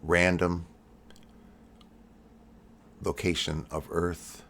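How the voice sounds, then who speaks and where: A man with an extremely deep voice, full of gravelly fry, spins a rambling sci-fi tale. He talks mostly soft and low, in a self-styled ASMR manner, restarting and correcting himself. A steady noisy hiss sits behind him. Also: extremely slow. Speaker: live streamer telling a sci-fi story.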